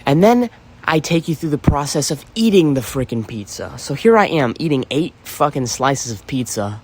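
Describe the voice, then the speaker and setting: A man's voice: fairly high pitch, animated, normal speed, darkish tone, husky. A man talking in a loose, rambling solo monologue, swearing freely and leaning on "you know" fillers. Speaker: podcast host.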